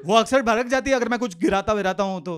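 Animated young stand-up comic, Mumbai Hindi. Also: male voice, very noisy. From India. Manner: animated, quick voices for street characters, swings in pitch. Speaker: stand-up comedian. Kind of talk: stand-up comedy set. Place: comedy club stage with live audience. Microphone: handheld stage mic. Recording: live club recording with audience laughter.

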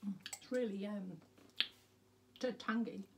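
A woman's voice: medium pitch, fairly even intonation, unhurried, vocal fry. A middle-aged British woman with a British English accent, the host's mother, chatting and joking as she tastes snacks at home. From United Kingdom. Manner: joking, playful, giggly. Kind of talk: casual chat. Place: at home, indoors. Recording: distant from the mic, noisy background.

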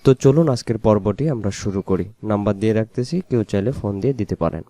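A man with a Bangladeshi Bengali accent teaching a Quran recitation lesson, slowly chanting verses and then briskly explaining the pronunciation rules. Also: fairly low pitch, mellow, dry recording.

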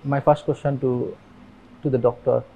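A Bangladeshi man in his thirties, interviewed in a dim room on a lapel mic, telling his story earnestly with halting restarts. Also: mid-range voice, little pitch movement, vocal fry, dark tone, husky, soft background music, low-quality recording. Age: 30s. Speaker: interviewee, migrant worker. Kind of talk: documentary interview. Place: dim indoor room with fans.

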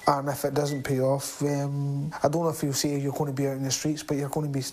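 A man's voice: mid-range voice, completely flat delivery, fairly quick, darkish tone. A man with a Scottish accent talking candidly and informally in a documentary, in a matey way, often repeating his phrases. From Scotland. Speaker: restaurant owner being filmed for a documentary. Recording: clear background noise on location.

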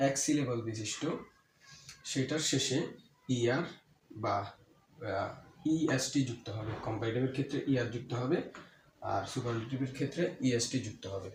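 A man's voice: mid-range voice, darkish tone. Male grammar teacher, patient and repetitive, asks and answers his own questions; echoey room, faint hiss. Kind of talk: explanatory grammar lesson.

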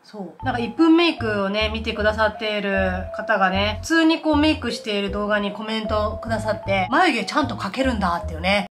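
A woman's voice: medium pitch, expressive, brisk, hardly any pauses, noisy background. A woman in her thirties with a Nagoya accent, chatting casually to viewers while doing her makeup, with a self-deprecating, talkative manner. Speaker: beauty vlogger. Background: faint background music.

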